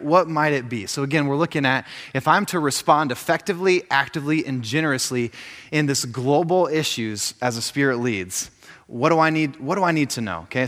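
A man in his thirties delivers an informal sermon with a bright, forceful tone. He tells stories full of jokes and asides. His voice rings with the long reverb of a large hall. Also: a little high. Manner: joking, storytelling, lots of asides. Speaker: speaker at a faith gathering.

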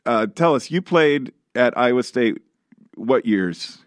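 A man hosting a casual chat, talkative and easygoing, with quick asides and laughs. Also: mid-range voice, expressive, no room sound, clean studio sound. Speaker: podcast host.

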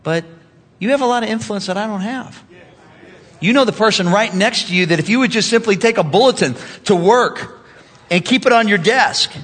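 A man preaching a sermon as pastor, talking in a lively, conversational way with humor and rising emphasis. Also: high voice, normal speed. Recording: reverberant hall.

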